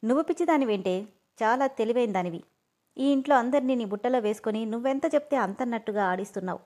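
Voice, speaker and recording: A taunting, cold-hearted young man, put on by a woman reading a story aloud. His scornful lines sit fairly high and come out with a sneer. The whole thing plays as a spoken audio story. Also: fast, a little mellow, close to an everyday voice. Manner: mocking, scornful.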